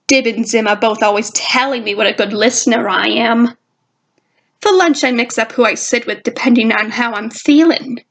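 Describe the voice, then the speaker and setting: A woman's voice: on the high side, moderate pace, fairly bright tone, low-quality recording. A woman narrating her fan fiction in a put-on jazzy girl voice. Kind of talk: fan fiction audio reading.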